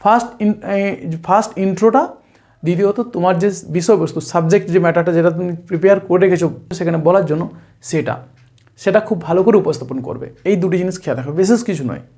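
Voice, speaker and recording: A woman with a West Bengal Bengali accent coaching viewers on interviews, pausing often with "uh" fillers and restarts and mixing in English terms. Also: fairly low pitch, warm tone. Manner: hesitant, frequent "uh" fillers and restarts; mixes English terms into speech. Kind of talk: spoken tips lesson to camera.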